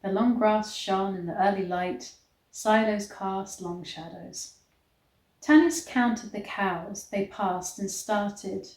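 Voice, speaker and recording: In an echoey, roomy space, a woman performs a novel in a mock-dramatic style and interrupts herself with blunt, disbelieving commentary for an online audience. She speaks slowly in a mid-range voice with a slightly mellow quality.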